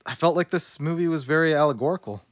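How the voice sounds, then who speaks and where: A man's voice: on the high side, quick pace, no echo, studio quality. A man co-hosting a podcast, discussing films casually with tongue-in-cheek banter. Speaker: podcast co-host.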